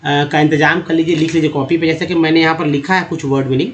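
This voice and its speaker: Man slowly sounding out English vowels. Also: a little high, little pitch movement, a bit bright. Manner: explains step by step, repeats words slowly, addresses viewers as friends. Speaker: English teacher. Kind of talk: Hindi-language pronunciation lesson.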